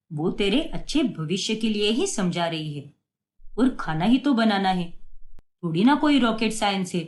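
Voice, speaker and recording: A woman voicing a kind young adult brother who calmly reassures his sister in an animated story. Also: mid-range voice, pitched below the performer's own voice, close to an everyday voice. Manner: reassuring, explaining.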